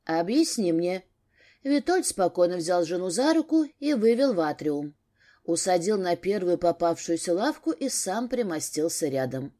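A woman narrating a novel aloud in an expressive storytelling manner. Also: lowish voice, normal speed. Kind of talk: audiobook narration.

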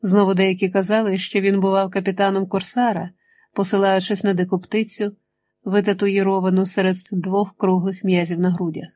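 A woman narrating an adventure audiobook in a steady, measured reading voice. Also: medium pitch. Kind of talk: scripted narration.

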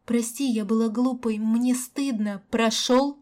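A woman's voice: a little high, fairly even intonation, unhurried, darkish tone, natural voice. Woman voicing a tearful, pleading young woman. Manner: pleading, on the verge of tears.

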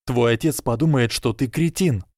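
A man voicing a quick-witted boy wizard who talks urgently and hisses warnings. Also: medium pitch, darkish tone, no room sound, clean studio sound, close to an everyday voice. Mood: urgent whisper. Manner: urgent, hissing.

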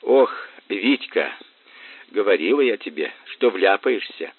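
A man voicing a feisty, sharp-tongued young woman who snaps back defiantly; tinny, dry recording. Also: lowish voice, huge pitch swings, normal speed, dry recording. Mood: reproachful. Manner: snappy, defiant retorts. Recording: tinny phone-like band, dry.

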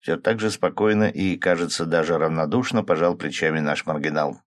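A man narrating a first-person audiobook in a calm manner, shifting his pitch slightly to voice the characters. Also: a little fast.

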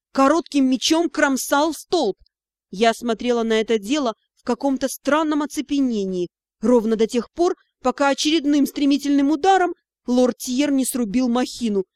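High-voiced woman narrating an audiobook. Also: no echo, studio quality. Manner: expressive storytelling with acted dialogue. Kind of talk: scripted first-person narration.

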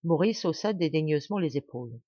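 A woman reading a classic novel aloud as an audiobook, narrating in a measured, clear way. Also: deep voice, expressive, mellow, no echo, lo-fi sound. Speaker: audiobook reader.

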